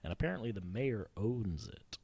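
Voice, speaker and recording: A rambling young sailor, sweaty and excitable, played by a man, with a deep voice that swings around a lot. The tone is husky and a little rough. It sounds dry and close, in a comedy audio drama. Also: moderate pace, dry recording, heavily acted. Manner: breathless rambling storytelling. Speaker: sailor telling a story.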